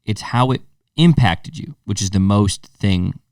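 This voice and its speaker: A male podcast host with a lowish voice, encouraging and affirming his guest. He hesitates and rephrases as he goes. He sits a little back from the microphone in a dry space. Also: animated, a little slow, a little mellow, no room sound, recorded from a distance. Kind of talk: casual interview chat.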